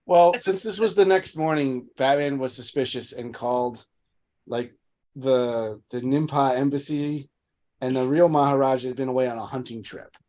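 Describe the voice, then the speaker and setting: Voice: mid-range voice, moderate pace, mellow. A podcast co-host casually recapping a TV episode, rambling with lots of restarts. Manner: rambling, with frequent restarts and fillers.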